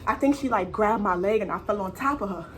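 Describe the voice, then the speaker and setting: A young adult American woman vlogger tells a slangy, casual storytime in a mid-range voice, speaking fast over slight background noise. She's emphatic and dramatic, swears freely, and repeats phrases for effect.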